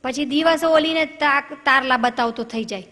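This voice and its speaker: A woman's voice: sits high, normal speed, bright, forceful tone, big-room sound. A woman comedian, telling jokes and stories straight to the audience in a chatty way. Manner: chatty, addresses the audience directly. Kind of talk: comic storytelling.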